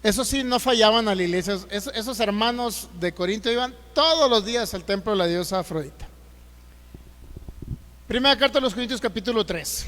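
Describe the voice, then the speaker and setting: Very high-voiced Mexican pastor, churchy reverb. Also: male voice. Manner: reads scripture slowly and loudly, then explains in rhetorical questions. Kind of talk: sermon. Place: church hall.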